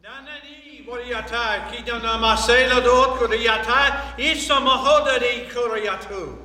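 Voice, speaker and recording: Sex: man. Style: speaking in tongues. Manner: rhythmic, repeating syllables. Tone: very bright. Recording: echoey church hall. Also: extremely high pitch, steady tone, measured pace. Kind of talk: speaking in tongues during worship.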